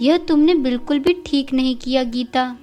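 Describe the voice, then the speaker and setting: A woman's voice: high voice, moderate pace, warm tone, soft background music, close to an everyday voice. A woman voicing a kind, hardworking young woman heroine who speaks earnestly. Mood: upset. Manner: earnest and pleading.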